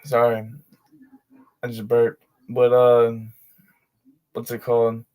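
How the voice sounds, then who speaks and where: Flat-toned, laid-back male streamer. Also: medium pitch, slow pace, clean tone. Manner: laid-back slangy talk full of "like" fillers. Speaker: streamer of his own tabletop game sessions. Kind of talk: casual livestream chat.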